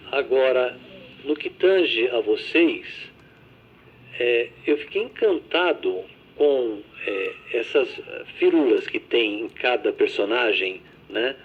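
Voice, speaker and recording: A man's voice: fairly low pitch, husky. A man hosting a radio interview, chatting casually and often tagging his sentences with a questioning "né?". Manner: conversational, often ends with "né?". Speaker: radio host. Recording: tinny phone-like radio sound.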